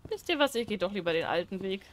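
A woman's voice: mid-range voice, animated, fast talker, a little hiss or hum. A young woman commenting on a horror game, chatty and jumpy, talking to herself and the characters. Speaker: let's play gamer.

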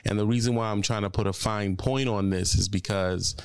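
A man's voice: fairly low pitch, steady tone, fairly quick, gravelly, clean tone, dry recording. A man in his thirties hosting a trucking channel, giving blunt, preachy commentary with lots of repeated phrases, speaking into a studio mic. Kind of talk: commentary on a reaction video. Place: home studio with colored lights. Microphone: studio mic on a boom arm, headphones.

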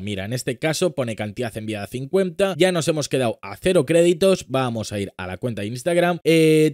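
A man in his thirties hosting a screen-recorded social media tutorial, explaining each step directly to the viewer in a small home studio on a boom-arm studio mic. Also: darkish tone, dry recording. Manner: explanatory, addresses viewer directly, gestures with hands. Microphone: studio microphone on boom arm.

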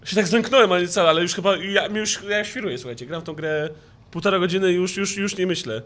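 A young man giving live commentary on a horror game, yelping and shrieking when scared and muttering low in between. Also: fast talker, fairly bright tone. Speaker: streamer.

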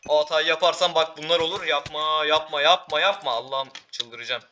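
A teenage boy giving excitable live commentary while playing a game, calling out to teammates and viewers. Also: on the high side, a little fast, a little hiss or hum. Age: teens. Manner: excitable, talks to teammates and viewers, frequent exclamations. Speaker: gaming YouTuber.

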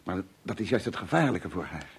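A calm, shrewd detective in an old radio show, measured and probing. The voice is raspy and rough and sits fairly low. It has the deliberate delivery of 1950s radio drama acting. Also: male voice, heavily acted. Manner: measured, asks short probing questions.

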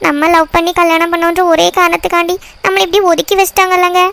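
A woman voicing a young wife in a cartoon who pleads softly and earnestly with her husband. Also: very high voice, flat delivery, quick pace, gravelly, heavily acted. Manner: soft, pleading. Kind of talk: cartoon voice acting.

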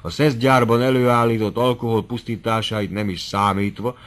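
A man voicing a blunt, heated middle-aged doctor who lectures loudly and forcefully in an audiobook. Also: medium pitch, flat delivery, lightly acted. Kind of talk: audiobook character voice.

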